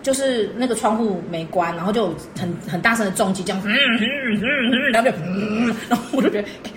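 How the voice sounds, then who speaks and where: A young woman telling animated stories as a guest, laughing often as she talks. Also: a little high, fairly quick, echoey room, a little hiss or hum. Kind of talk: casual chat.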